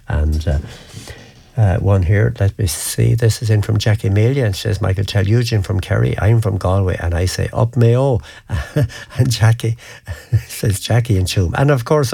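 A man with a west of Ireland accent hosting a radio show, reading out listeners' messages in a folksy, unhurried, appreciative way. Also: deep voice, dark tone, husky.

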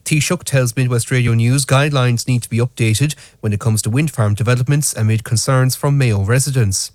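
Irish man, radio news and weather presenter, medium pitch, close dry recording. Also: fairly quick, a little mellow, no room sound. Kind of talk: scripted bulletin reading. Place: radio studio.

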